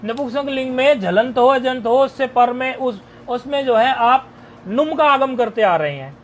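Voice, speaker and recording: A man with a very high-pitched voice teaches a Sanskrit grammar lesson. He goes over each point patiently, repeats it, and keeps asking whether the students have followed. A faint hiss of noise sits under his voice. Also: unhurried.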